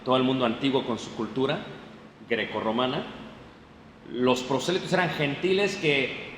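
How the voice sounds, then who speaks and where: A man's voice: mid-range voice, moderate pace, fairly bright tone. A man preaching a teaching sermon, explaining with homely everyday examples and quizzing the congregation with questions. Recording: roomy hall reverb, faint noise.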